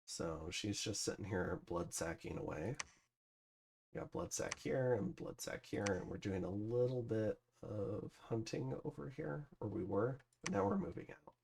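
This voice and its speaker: Over background noise, a man with a fairly low, creaky, expressive voice casually narrates his turns in a strategy game at a moderate pace. This let's-play commentary is him thinking out loud, heavy with filler words.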